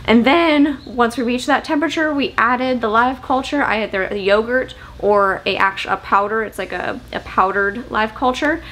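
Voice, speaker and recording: A woman's voice: on the high side, normal speed, few pauses, fairly bright tone, slight background noise, poor audio. A woman in her thirties talking to the camera as she cooks in her home kitchen, explaining each step in a casual, chatty way. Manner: chatty, explains steps while working, talks to camera. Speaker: homesteading cooking vlogger. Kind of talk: casual step-by-step cooking tutorial.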